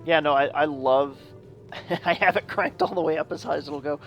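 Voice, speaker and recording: A man co-casting a live video game match, enthusiastic and quick to laugh. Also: fairly high pitch, steady tone, dull audio, faint music behind. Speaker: esports co-caster.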